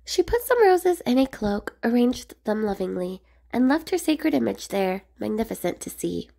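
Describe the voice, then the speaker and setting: A woman reading a rhyming children's picture book aloud in a measured, expressive sing-song way. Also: on the high side, creaky. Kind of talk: storybook read-aloud narration of rhyming verse.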